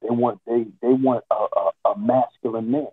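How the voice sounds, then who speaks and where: A man's voice: medium pitch, fairly even intonation, moderate pace, slightly rough, no room sound. A man speaking in an online audio chat room through a headset. He sounds muffled, as if through a wall, and lectures insistently with repeated rhetorical questions. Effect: muffled, dull sound as if through a wall. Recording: muffled, tinny headset line with a dry sound.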